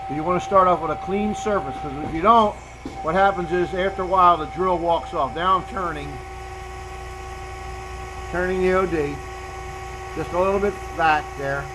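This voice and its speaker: Older machinist explaining, higher-pitched man, noisy shop. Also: moderate pace, long pauses. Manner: old machinist explaining step by step, plainspoken. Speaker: machinist demonstrating his lathe. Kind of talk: casual shop demonstration. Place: indoor home machine shop. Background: running machinery noise.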